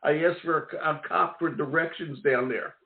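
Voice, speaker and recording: An older man from Maine hosts a radio education talk show, chatting and rambling in a loose, friendly manner and laughing easily during the casual interview. His voice is fairly high with fairly even intonation, a moderate pace, and vocal fry, heard over tinny phone-line audio.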